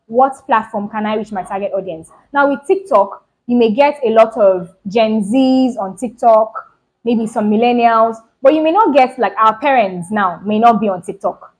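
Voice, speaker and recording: A woman hosting her own channel, giving a casual lesson on running a clothing business, talking fast and often checking "do you understand?". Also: fairly high pitch, rough recording. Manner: talks fast, repeats points, keeps asking "do you understand?". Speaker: fashion business channel host. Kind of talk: casual instructional talk to camera.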